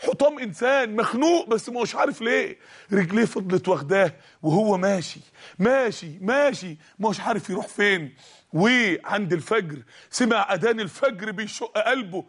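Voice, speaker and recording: A man's voice: sits high, lively intonation, a little fast, husky. A man with an Egyptian accent, a preacher telling a story as a sermon, with rhythmic repetition that builds dramatically. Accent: Egyptian Arabic.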